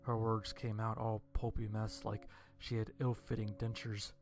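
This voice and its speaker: A man narrating a first-person horror story in a dry, deadpan way. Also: lowish voice, normal speed, faint music behind.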